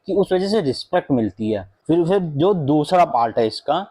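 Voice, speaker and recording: A young man talks through a book review in a relaxed, rambling vlog, sliding between Hindi and English and filling pauses with ums and asides. His voice sits a touch high for a man, and the sound is close and dry, with little room echo. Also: slightly rough. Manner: chatty, mixing Hindi and English, many fillers and asides. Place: indoor room at home with a fan running.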